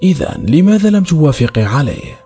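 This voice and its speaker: A man voicing an eager, smitten young man in an audio horror story, speaking a little higher than his narration. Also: big pitch swings, a little fast, dark tone, faint music behind.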